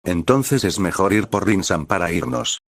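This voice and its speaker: A man voicing a calm, direct teenage boy ninja hero in a fan-fiction reading. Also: low voice, normal speed, no echo, studio quality. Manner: calm, steady, matter-of-fact.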